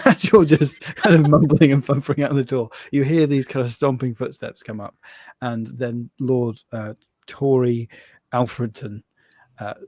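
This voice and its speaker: A man's voice: mid-range voice, fairly even intonation, a little slow, dry recording. A man narrating a live tabletop game as game master, laughing often and rambling loosely as he describes scenes.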